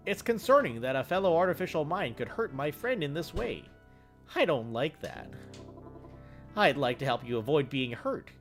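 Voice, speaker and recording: A man's voice: on the high side, full character voice. A man voicing a chirpy, cheerful male AI program with a goofy cartoon-dog sound, friendly and doting, in a let's play. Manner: chirpy, sing-song, robotically polite.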